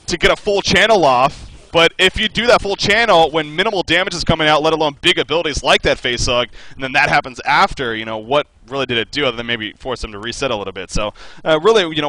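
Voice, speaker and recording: A man's voice: a little high, pushed and bright, no room sound, low-quality recording. A man casting a live game over a voice call, analysing at length with lots of fillers and hedges. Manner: hedging, talkative analysis with many fillers. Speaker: esports caster. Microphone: headset over voice call.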